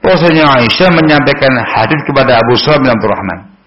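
A man teaching a hadith book in a mosque, chatting with his audience and quizzing them, and chanting the Arabic passages louder. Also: mid-range voice, fast talker, muffled recording, crowd noise. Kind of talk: mosque study lecture.

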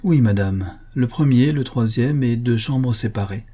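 A man's voice: mid-range voice, measured pace, warm tone, slightly rough. A man voicing a talkative male concierge who is deferential and emphatic, eager to reassure his listener. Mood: obliging.

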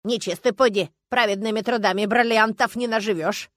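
A woman voicing a sly, sharp-tongued old village herbalist granny who mocks in folksy speech in an audiobook. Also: mid-range voice, fairly even intonation, a little fast, no echo, clean studio sound, close to an everyday voice. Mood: mocking. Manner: snide, mocking, folksy. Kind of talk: audiobook character voice.

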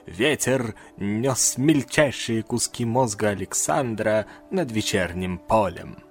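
A man narrating an audiobook in a steady, even literary reading. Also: fairly low pitch, slow pace, soft background music.

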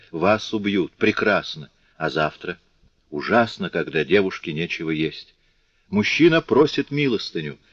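A man's voice: low-pitched, slightly rough, no echo. A man voicing a compassionate male revolutionary who earnestly pleads with his comrades, in a dull, lo-fi recording.

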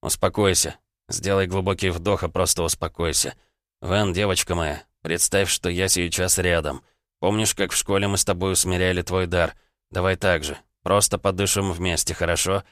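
A man's voice: low-pitched, fairly even intonation, moderate pace, fairly bright tone, no room sound, clean studio sound. A man voicing a weary, stern young head of an assassins' guild in an audiobook, firm and tired.

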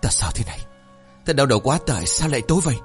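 A man's voice: mid-range voice, sing-song, racing, voice pushed up, lightly acted. A dazed, frantic older man, played by a male narrator, crying out in alarm in a raised voice. Faint music runs beneath the story. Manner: alarmed, shouting.

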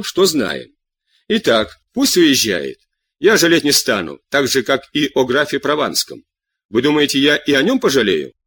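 A man voicing a calm, stubborn middle-aged king who answers with dry irony and long cool lectures, in an audiobook reading. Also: mid-range voice, breathy edge, no room sound. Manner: cool, sardonic, lectures at length.

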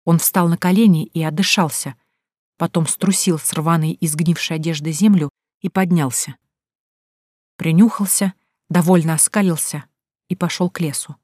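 A woman narrates a story in the first person, measured and expressive. Her voice sits fairly low, and the recording is dry and close with no room sound. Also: dry recording. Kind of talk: audiobook narration.

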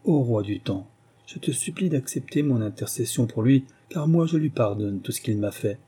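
A man's voice: medium pitch, lively intonation, moderate pace, mellow, slightly rough. A man voicing a humble, forgiving barber who speaks earnestly in an audiobook reading.

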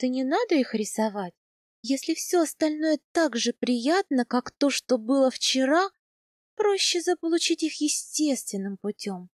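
A woman narrating a first-person novel as an audiobook, expressive and animated in the heroine's lines. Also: high voice, no room sound, clean studio sound.

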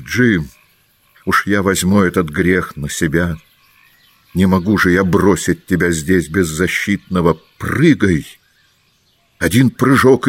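A man's voice: low-pitched, husky, full character voice. A man voicing a grave, earnest old-school doctor. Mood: urgent. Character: kindly grave middle-aged man, a doctor. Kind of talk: audiobook character voice.

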